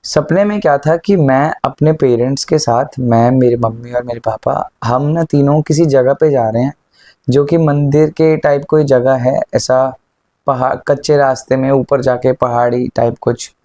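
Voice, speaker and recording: Earnest man with a dark, mellow voice. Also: mid-range voice, moderate pace, no echo. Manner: earnest storytelling, mixing English words into Hindi. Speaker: devotee sharing a personal experience. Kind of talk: casual testimony.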